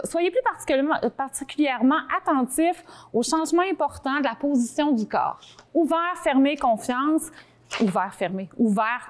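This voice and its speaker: Woman, Québécois French accent, high-ish voice, talk show columnist, informal explainer, animated, rambling, self-interrupting. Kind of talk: conversational explainer to co-hosts.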